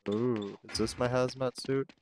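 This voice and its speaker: A man's voice: medium pitch, fairly even intonation, unhurried, a little hiss or hum. A man giving joking, chatty let's play commentary, reacting aloud as he plays. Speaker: gaming host.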